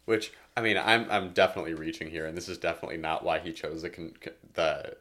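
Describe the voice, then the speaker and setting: A man's voice: deep voice, steady tone, fast talker, pushed and bright. A young man co-hosting a casual podcast chat, laughing often and talking playfully. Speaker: podcast co-host.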